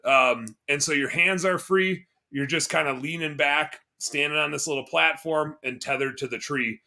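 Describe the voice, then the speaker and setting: A man co-hosting a casual podcast, telling a hunting story with lively explanations and sudden loud bits of mimicry. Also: a little high, normal speed, creaky. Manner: animated, explains for listeners, bursts of loud mimicry. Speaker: podcast co-host.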